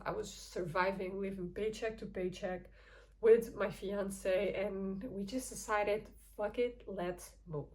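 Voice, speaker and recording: Young woman, Portuguese accent, channel host, candid personal storytelling, chatty, soft laughs, mid-pitched voice. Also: low-quality recording. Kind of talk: casual personal storytelling to camera.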